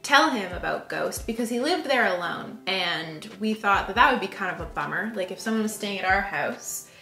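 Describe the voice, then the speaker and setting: A woman's voice: medium pitch, expressive, normal speed, vocal fry, pushed and bright, soft background music. A woman co-hosting a casual home video with playful, wry joking. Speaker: co-host. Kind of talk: casual chat. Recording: echoey room.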